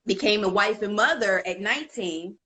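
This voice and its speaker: A middle-aged woman of the D.C. chats as a guest. Her voice sits at a medium pitch. She tells stories in a candid, salty, wry way. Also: moderate pace, pushed and bright. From Washington, D.C., United States. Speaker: podcast guest. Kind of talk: casual humorous storytelling.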